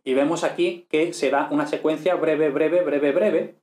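Male teacher, slightly high voice, patient and repetitive explainer, echoey room. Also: fairly even intonation, unhurried, a little mellow. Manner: patient, repeats points with frequent "¿vale?" and "¿no?". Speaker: ancient Greek teacher. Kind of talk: explanatory online lesson.

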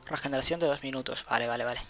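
A man giving casual, excitable let's-play commentary, thinking aloud as he plays. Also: medium pitch, very fast, slight background noise. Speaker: gameplay commentator.

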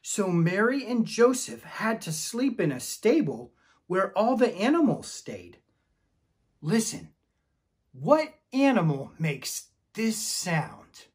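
A man's voice: sits high, very animated, takes it slowly. A man leading children's ministry, telling a Bible story to kids with enthusiasm and calling on them to join in. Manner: enthusiastic, calls for the audience to join in.

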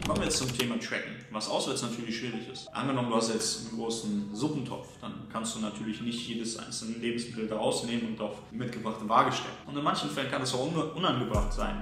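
A man working as a fitness coach, giving brisk, structured advice to the camera and answering his own questions. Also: mid-range voice. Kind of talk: direct-to-camera advice video. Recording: very echoey room with music underneath. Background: background music.

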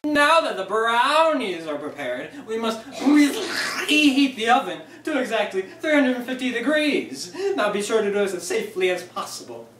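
A young man playing a zany over-the-top TV chef in a spoof cooking show, shouting sing-song exclamations in mock foreign phrases, filmed in a home kitchen on a camera a few steps away. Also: very high voice, sing-song, normal speed, hardly any pauses, heavily acted. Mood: manic. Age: young adult. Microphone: phone camera a few steps away. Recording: echoey kitchen, camera from a distance.

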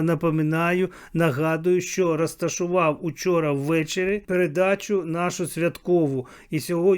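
Guy vlogger ranting a bit sarcastic, high voice, keeps repeating stuff for effect. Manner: sarcastic, repeating phrases for emphasis. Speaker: video blogger. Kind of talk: commentary to camera.

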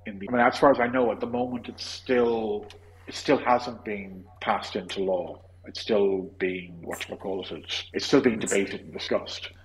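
A man's voice: on the low side, steady tone, normal speed, a little hiss or hum, poor audio. An Irish man hosting a casual podcast discussion, opinionated and rambling, restarting his sentences often. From Ireland. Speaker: podcast host.

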